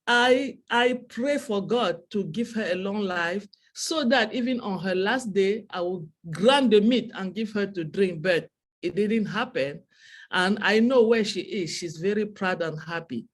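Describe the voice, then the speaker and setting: In an unhurried, mid-range voice, a French-speaking Cameroonian woman delivers a heartfelt webinar address to viewers online. Her Cameroonian French accent is clear, and she repeats phrases for emphasis.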